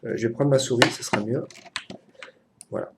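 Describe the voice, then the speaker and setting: A man with a French accent giving a casual, chatty software tutorial to a friend, hesitant and full of fillers. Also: medium pitch, a little fast, noisy background.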